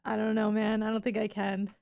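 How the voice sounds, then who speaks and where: A woman livestreamer with a gravelly, fry-heavy voice, dropping chatty, candid asides in casual talk. The sound is close and dry, with no room around it. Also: mid-range voice, monotone, fairly quick, a little mellow, no room sound. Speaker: livestreamer listening along. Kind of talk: casual chat.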